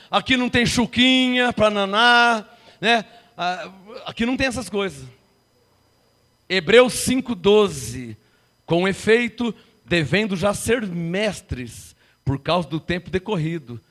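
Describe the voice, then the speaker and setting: A man in his fifties preaching a sermon, firing rhetorical questions at the congregation and swinging from loud to hushed. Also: high-pitched. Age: 50s.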